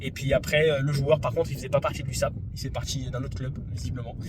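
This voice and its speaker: A man in his twenties from France, retelling a tennis match dispute in an indignant, animated vlog. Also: mid-range voice, fast talker, very noisy. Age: 20s. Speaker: tennis vlogger. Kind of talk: vlog story recap.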